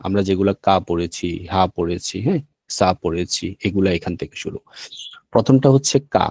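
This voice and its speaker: A man with a Bangladeshi Bengali accent teaching an online language lesson, slow and patient, repeating each sound. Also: on the low side, mellow, no room sound.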